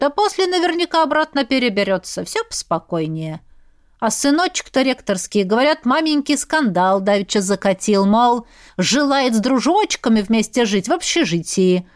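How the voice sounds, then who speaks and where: A woman voicing a gossipy, grumbling old village woman who rambles in folksy talk. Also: a little high.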